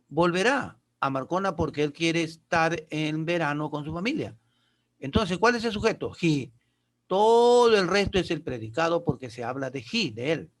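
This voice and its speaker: Patient man teaching, fairly high voice. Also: fairly bright tone. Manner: patient, asks and answers his own questions; checks in with short tag questions. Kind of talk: explanatory lesson.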